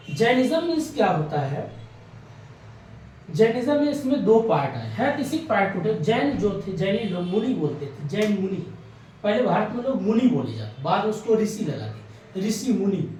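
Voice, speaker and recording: A man lectures an exam-prep class in a fairly high voice, chatty and repetitive, tossing out rhetorical questions. He sounds a step away from the mic, and his voice booms around a bare, echoing room. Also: a little mellow, distant mic. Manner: conversational, repeats key words, asks rhetorical questions. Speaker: exam coaching teacher.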